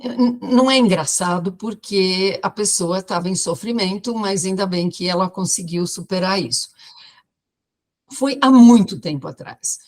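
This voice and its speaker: Uma fonoaudióloga brasileira de uns setenta anos, contando casos numa entrevista de forma animada e encenando as falas dos outros. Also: female voice, mid-range voice. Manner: lively storyteller, acts out quoted voices. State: tired from talking all day. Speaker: guest speech therapist. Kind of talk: storytelling in a podcast interview.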